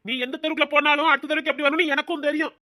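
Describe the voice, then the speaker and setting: A woman's voice: sits high, little pitch movement, very fast, pushed and bright. A woman voicing a hot-tempered young village man, scolding and bossy. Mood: threatening.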